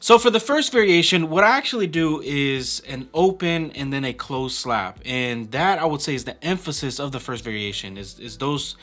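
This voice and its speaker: A man with a bright, forceful voice walks through a drum pattern one stroke at a time. He talks in a relaxed, casual way with fillers and restarts, at a middle pitch. Faint drumming sits behind him. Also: normal speed, few pauses, faint music behind. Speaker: percussion teacher. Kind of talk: casual instructional explanation.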